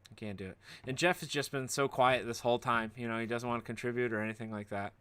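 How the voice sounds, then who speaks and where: A man's voice: mid-range voice, fairly even intonation, quick pace, fairly bright tone, smooth. A man hosting a livestream, chatting casually in rambling, joking rants. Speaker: livestream host.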